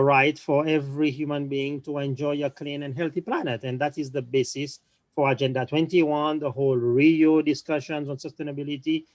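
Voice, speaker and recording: A man speaking on a conference panel, explaining at a measured pace and often restarting his sentences. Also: medium pitch, darkish tone, no echo, poor audio. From small island nation.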